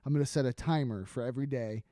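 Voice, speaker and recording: Man, podcast host, teasing, swears, mellow dark tone, dry sound. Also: medium pitch, quick pace, no room sound. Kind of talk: casual chat.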